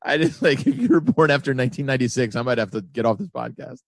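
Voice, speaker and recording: Easygoing forty-year-old man, lively pitch. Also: quick pace, gravelly, no echo. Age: 40s. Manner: easygoing, joking and rambling. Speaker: podcast guest. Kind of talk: casual chat.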